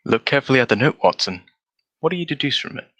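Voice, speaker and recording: In a 1940s-style radio drama, a man plays a brisk, self-assured gentleman detective who speaks precisely, lecturing with a slightly condescending air. His mid-range voice is animated and his mood businesslike.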